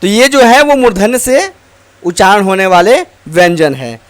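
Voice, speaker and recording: A male teacher giving a slow, deliberate grammar lesson, reciting letters one by one. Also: sits high, big pitch swings, clean tone.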